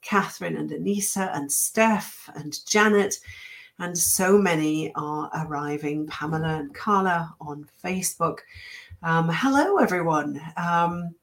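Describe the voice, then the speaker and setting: A woman hosting a livestream, sick and a little squeaky-voiced, chatting casually with many fillers, restarts and small laughs. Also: measured pace. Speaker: host. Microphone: webcam or computer mic.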